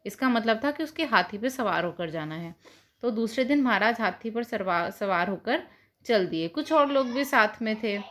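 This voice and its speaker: A woman's voice: on the high side, animated, normal speed, fairly bright tone. A woman, teaching children by retelling a story and explaining it in simple words.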